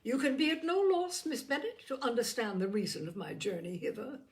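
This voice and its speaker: A woman's voice: fairly high pitch, big pitch swings, brisk, pitched above the performer's own voice. Woman voicing imperious Lady Catherine, dramatically swooping. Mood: indignant, haughty. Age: older. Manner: haughty, emphatic, commanding declamation. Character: imperious, indignant older aristocratic lady, haughty aunt. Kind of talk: dramatised classic novel audiobook.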